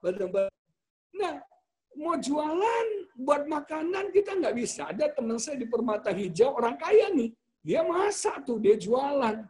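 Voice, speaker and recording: A man's voice: very high-pitched, measured pace. Male pastor preaching, swoops up and down a lot, keeps talking right to the ladies, jokey stories. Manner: lively storytelling with jokes and asides; often addresses the women listeners directly. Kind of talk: sermon.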